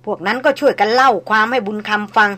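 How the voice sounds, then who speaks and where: A woman narrates an audiobook novel. Her voice sits on the higher side, and she reads in an unhurried, measured storytelling way. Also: sharp tone.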